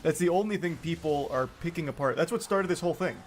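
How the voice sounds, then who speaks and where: A man's voice: fairly high pitch, fast talker, slight background noise. A man reading online comment threads aloud and mocking them sarcastically, swearing freely. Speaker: commentary host.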